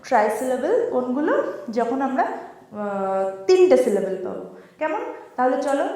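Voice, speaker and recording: A woman's voice: high-pitched, darkish tone, reverberant. A woman teaching an English pronunciation lesson, patiently explaining syllables and often checking that her students follow. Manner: patient, repeats words slowly and checks in with "কেমন?". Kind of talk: Bengali-language lesson explaining syllables, writing examples.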